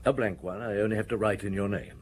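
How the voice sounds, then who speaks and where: A man's voice: on the low side, fairly even intonation, fast talker, slight background noise, lightly acted. A man playing a shrewd, stern, middle-aged police inspector in a radio detective drama, questioning with formal authority. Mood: firm, measured.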